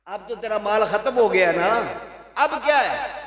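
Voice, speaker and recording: A man's voice: high-pitched, lively intonation, a bit bright. A man voicing puzzled male visitors questioning someone, in an echoey hall. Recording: echoey hall with long reverb.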